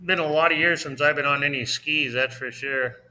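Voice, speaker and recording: A man co-hosting a casual livestream chat from his home, talkative and quick to laugh. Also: a little high, steady tone, sharp tone. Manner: chatty, laughs often. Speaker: livestream co-host. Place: home in Mexico.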